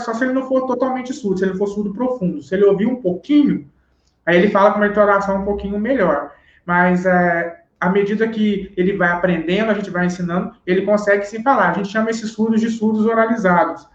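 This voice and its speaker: A man's voice: high-pitched, steady tone, brisk. A man, a guest on an interview show, patiently explains step by step and often checks that he has been understood. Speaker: sign language teacher guest. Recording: roomy, dull live-stream audio.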